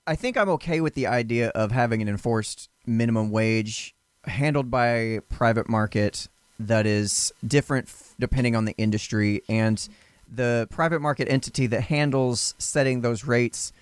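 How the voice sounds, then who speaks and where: A man hosting a casual debate, pressing questions in a halting way and repeating his words. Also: medium pitch, smooth, dry recording. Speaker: host.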